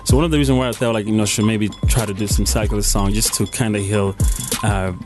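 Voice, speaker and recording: Young guy from uganda, musician on a radio show, lowish voice, keeps restarting, music going behind him. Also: fairly even intonation, quick pace. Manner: hesitant, full of "you know" and restarts. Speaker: musician guest. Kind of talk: radio interview. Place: radio studio.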